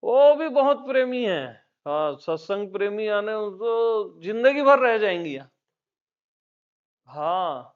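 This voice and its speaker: A man's voice: extremely high pitch, dull audio. A man as a spiritual teacher giving an informal satsang talk, telling stories in a chatty way and laughing often.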